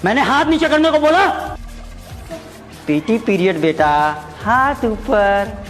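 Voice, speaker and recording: A man's voice: high voice, expressive, brisk, faint music behind. An actor playing a strict, bossy male schoolteacher who barks orders and mocks his students, in a comedy skit. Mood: mocking. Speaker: teacher. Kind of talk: Hindi comedy skit acting.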